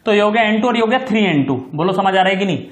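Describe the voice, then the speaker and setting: In a recorded classroom lecture, a man with a high-pitched, lively voice teaches physics very fast, mixing in terms, repeating key steps and often checking that his students follow. He addresses them affectionately, and the room is echoey.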